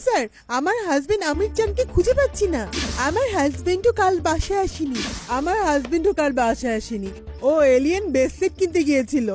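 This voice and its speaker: A woman's voice: very high-pitched, lively intonation, a little fast. A woman playing a bossy, angry wife in a cartoon dub. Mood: angry, demanding. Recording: music behind the voice.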